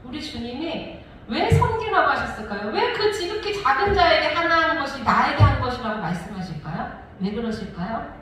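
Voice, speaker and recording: A woman in her forties, a missionary telling her testimony as a sermon, lively and laughing often as she tells the story. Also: high voice, moderate pace, far from the mic, a little hiss or hum. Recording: echoey hall, voice from afar.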